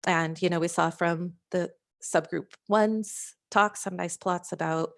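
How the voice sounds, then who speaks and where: A woman scientist presenting slides over a video call, talking in a halting way with frequent fillers and restarts. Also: fairly low pitch, gravelly. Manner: hesitant, many fillers and restarts. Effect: heard over a video call. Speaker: scientist presenting a working-group overview.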